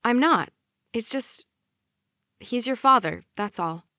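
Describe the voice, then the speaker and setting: A woman voicing a protective teenage boyfriend in an audiobook, speaking calmly and reassuringly in a slightly lowered voice. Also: takes it slowly, no room sound, studio quality, exaggerated voice. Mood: soothing.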